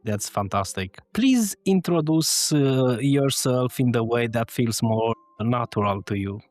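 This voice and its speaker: A man hosting a podcast interview, speaking hesitantly with many pauses and fillers, encouraging his guest. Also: mid-range voice, expressive, darkish tone, no room sound, faint music behind. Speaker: podcast host.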